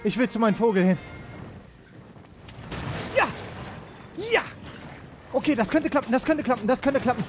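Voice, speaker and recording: A young man giving excitable live commentary on a game he is playing, rapidly repeating words and mixing in English slang. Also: extremely high pitch. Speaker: let's player. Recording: game music behind.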